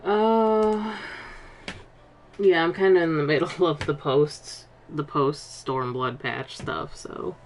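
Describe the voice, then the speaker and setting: A man's voice: fairly high pitch, slow. A man doing casual, joking commentary as he plays through a game. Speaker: gamer commenting on his playthrough. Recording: faint background noise.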